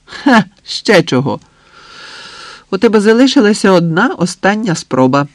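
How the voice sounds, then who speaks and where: A man reading an audiobook voices a cheerful young woman who teases her friend in a playful, bubbly way, raising his voice higher and louder for her. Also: very animated, normal speed, no echo, natural voice. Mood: excited. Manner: playful, bubbly, bossy banter.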